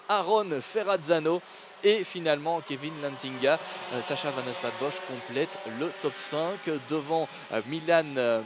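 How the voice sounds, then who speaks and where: Guy doing motorsport commentary, kinda high voice, lots of ums, engine noise all behind him. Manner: hesitant delivery, frequently padded with drawn-out filler sounds. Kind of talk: live karting race commentary in French. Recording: noisy trackside sound with engines. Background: outdoor ambience and vehicle noise.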